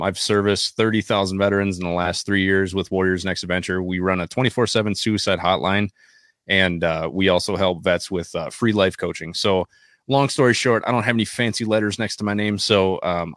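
Laid-back low-voiced male guest. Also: fairly even intonation, a little fast, fairly bright tone, dry recording, clean studio sound. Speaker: podcast guest, veteran entrepreneur. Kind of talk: casual interview.

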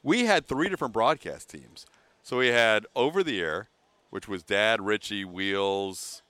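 A man's voice: on the low side, unhurried, fairly bright tone, no room sound. A man, a sports broadcaster guest, recalling past broadcast teams in an easygoing, matter-of-fact way. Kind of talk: casual chat.

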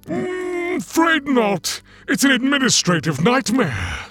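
Man acting campy Satan, wildly swooping delivery, slow pace, mock-courteous, comedic audio drama. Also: very high-pitched, wildly swooping pitch, a bit bright, no room sound, soft background music, exaggerated voice. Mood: airy, condescending. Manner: theatrical, gleeful, mock-courteous. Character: campy, chatty Satan as bureaucratic host of hell.

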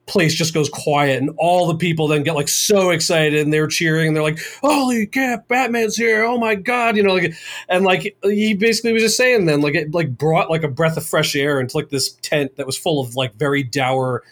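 A man's voice: a little high, fairly quick, hardly any pauses. A man co-hosting a podcast, telling a long story in a rambling, casual way with many fillers. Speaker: podcast co-host. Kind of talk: casual chat.

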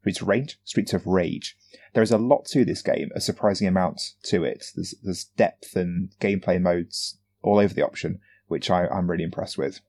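A man's voice: low voice, fairly even intonation, normal speed, darkish tone. A man in his thirties, co-hosting a casual games podcast and explaining a game at length. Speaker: podcast co-host.

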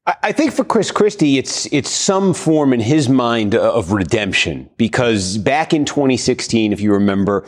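A man's voice: mid-range voice, lively intonation, moderate pace, hardly any pauses. A man, a guest analyst, giving thoughtful political commentary with a few small restarts.

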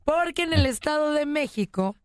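A woman's voice: sits high, expressive, moderate pace, dry recording, studio quality. A Mexican woman co-hosting a comedy podcast, telling a story in a playful, giggly way. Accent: Mexican Spanish. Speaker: podcast co-host. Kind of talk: comedic casual chat.

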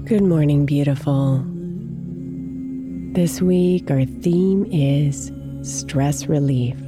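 A woman leading a guided meditation in a soft, soothing, gently drawn-out manner, as its host. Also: low voice. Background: new-age music with singing bowls.

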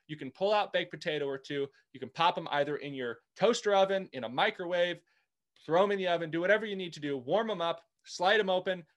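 A man's voice: on the high side, a bit bright. A man as a guest in a casual interview, hesitant and full of restarts. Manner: hesitant, many restarts and fillers.

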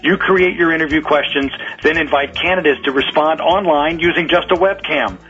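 Man, upbeat radio-ad pitchman, slightly high voice, heard over a dull lo-fi radio. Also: moderate pace, a bit bright. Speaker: guest pitching a product. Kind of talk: scripted radio ad banter. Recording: dull lo-fi radio broadcast with music.

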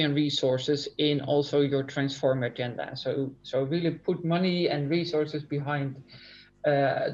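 A man's voice: on the high side, muffled recording. A man taking part in an interview as a guest over a video call. He speaks earnestly and repeats his first words often before finishing a thought. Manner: earnest, many repeated starts. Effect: video call audio. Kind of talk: remote interview.

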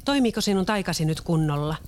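Storybook role: an earnest little girl, read by the narrator, hushed. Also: mid-range voice, animated, close to an everyday voice. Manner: quiet, earnest. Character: worried young girl.

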